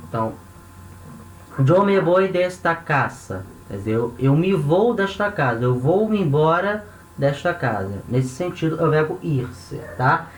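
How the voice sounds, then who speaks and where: Patient Brazilian teacher in an echoey room. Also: male voice, fairly high pitch, slight background noise. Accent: Brazilian Portuguese, Rio de Janeiro. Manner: patient, repeats words slowly, checks with "tá?". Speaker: language teacher. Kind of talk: recorded online lesson.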